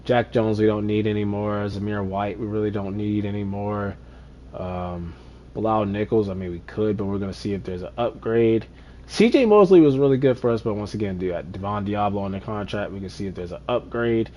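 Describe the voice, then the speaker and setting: A man with a fairly low voice gives casual gameplay commentary. He talks to himself, musing over choices, and now and then launches into an exasperated rant. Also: brisk, mellow, highs cut off, slight background noise. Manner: chatty, muttering to himself, exasperated rants. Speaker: gaming streamer.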